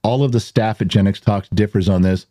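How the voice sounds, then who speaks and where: A man's voice: fairly low pitch, a little fast, dark tone, no room sound, studio quality. A middle-aged man hosting a casual podcast in a rambling, self-deprecating way, with audible heavy breathing and huffing between phrases. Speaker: podcast host.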